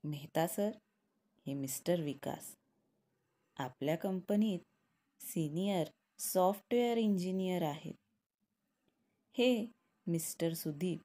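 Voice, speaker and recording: A woman's voice: on the low side, mellow. A woman voicing a polite young female colleague formally introducing coworkers.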